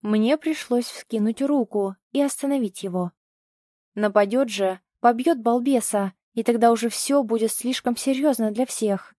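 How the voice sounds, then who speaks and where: A woman's voice: on the high side, moderate pace, warm tone, no room sound, clean studio sound. A woman reading a first-person audiobook with tense, emotional storytelling. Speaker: audiobook narrator.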